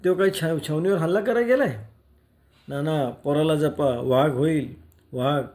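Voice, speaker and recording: Man putting on a bantering village elder, boisterous and raised in pitch, ribbing everyone in a storybook reading. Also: unhurried, a little mellow, lightly acted. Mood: teasing. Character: teasing old village man joking with elders.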